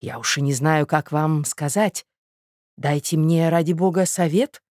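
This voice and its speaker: A reader playing a flustered young nobleman in a storybook reading, stumbling and pleading in slow, hesitant phrases. His voice sits a little low and dry, close to the mic, with filler sounds between his words. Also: steady tone, a little mellow, dry recording, lightly acted. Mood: anxious, pleading.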